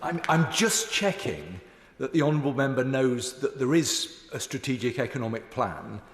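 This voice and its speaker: A male member of parliament making a measured, pointed intervention in a debate. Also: mid-range voice, lively intonation. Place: large indoor parliamentary chamber. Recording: echoey chamber with long reverb.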